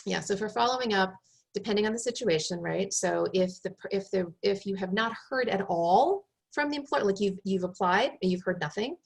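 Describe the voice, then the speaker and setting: A woman's voice: medium pitch, brisk, creaky. A woman recruiter giving job-search advice on a group call, in an earnest coaching tone that checks in with "right?".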